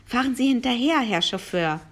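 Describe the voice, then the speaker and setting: A woman's voice: fairly high pitch, animated, normal speed, voice pushed up. Gustav, a bossy streetwise boy, as a woman reader does him. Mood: brash. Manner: bossy, slangy commands. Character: brash streetwise boy leader. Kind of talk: reading a children's novel aloud.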